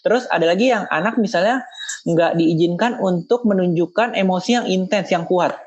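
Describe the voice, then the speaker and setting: A guest expert calmly explaining in a podcast interview, sometimes acting out scolding parents in a raised voice. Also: medium pitch, normal speed. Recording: muffled lo-fi audio.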